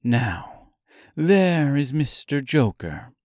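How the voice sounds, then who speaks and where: A delicate, timid little china princess who talks slowly and softly, as a male reader puts her on. She sounds fragile and careful. The recording is dry. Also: medium pitch, big pitch swings, no room sound, voice pushed up. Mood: wistful. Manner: slow, soft and fragile.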